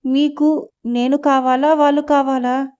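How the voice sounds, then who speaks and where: Audio novel: woman voicing a fierce proud housewife, scolding and confrontational, high-pitched, lo-fi. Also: level tone, unhurried, a little mellow. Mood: angry. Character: furious middle-aged wife, sharp-tongued, proud.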